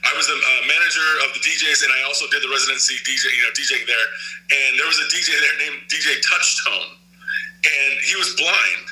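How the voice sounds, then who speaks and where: A man's voice: mid-range voice, brisk, pushed and bright, poor audio. A man, a DJ guest on a show, telling stories casually and informally, acting out the dialogue as he goes. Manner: informal, acts out quoted dialogue. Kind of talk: animated casual storytelling.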